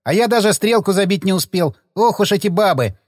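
A man's voice: sits high, lively intonation, brisk, no room sound, studio quality, voice pushed up. A man voicing a brash, crude, wisecracking male stalker in an audiobook. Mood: mocking. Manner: wisecracking, boastful, loud. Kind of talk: audiobook character voice.

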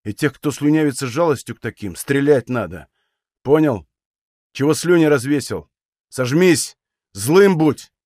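A man voicing a hardened male revolutionary who speaks in a strangely calm, dull voice. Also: medium pitch, a little slow, no room sound, clean studio sound. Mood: cold.

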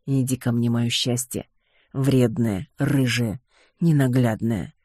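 Calm young sorcerer clan head, read by the narrator, dark husky voice, dry affection, audiobook. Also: mid-range voice, takes it slowly, no echo. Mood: tender.

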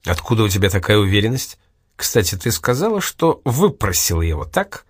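A man reading aloud and voicing a gruff, short-tempered male gangster in an irritable manner. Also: lowish voice, very animated, a little fast, dry recording, studio quality.

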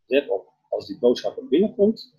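A man preaching, retelling a Bible story with animated storytelling and acted-out dialogue. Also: mid-range voice, normal speed, husky, muffled recording. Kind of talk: Bible teaching, retelling scripture.

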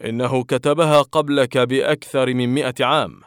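A man's voice: mid-range voice, steady tone, a little fast, clean tone, no echo, natural voice. A man voicing a stern middle-aged office director who scolds in a firm, dry tone. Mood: cold.

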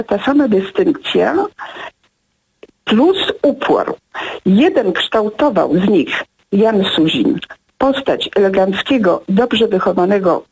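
A woman guest on a radio talk show who speaks reflectively, pausing often between short phrases. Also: medium pitch, creaky, a little mellow, slightly rough, rough recording. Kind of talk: radio conversation.

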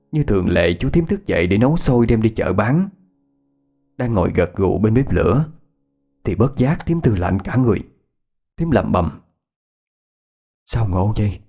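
A man, narrating a ghost story in a measured, unhurried way. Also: medium pitch, dark tone. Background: faint instrumental music.

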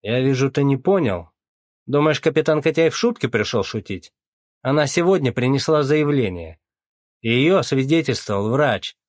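A man's voice: mid-range voice, expressive, normal speed, no room sound, clean studio sound, voice pushed up, close to an everyday voice. A man reading the part of a stern police captain, blunt and pressing in his questioning. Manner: forceful, interrogating.

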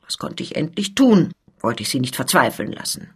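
A woman's voice: a bass voice, sing-song, moderate pace, slightly rough, pitched below the performer's own voice, exaggerated voice. A woman voicing a sly, menacing older male master goldsmith who threatens in a cold, persuasive manner, in a storybook reading. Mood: coaxing.

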